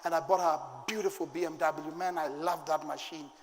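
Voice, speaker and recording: A middle-aged Kenyan pastor preaches with fervour, his voice sitting high for a man. He swings into sudden shouted bursts to drive his points home. His words ring out with a long reverb that fills the church hall. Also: steady tone, brisk, a little hiss or hum. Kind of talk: sermon. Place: church sanctuary.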